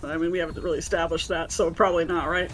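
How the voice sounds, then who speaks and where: A woman's voice: fairly low pitch, little pitch movement, fast, slight background noise, poor audio. Hesitant woman playing a tabletop game. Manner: hesitant with many uhs, laughs often. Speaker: player.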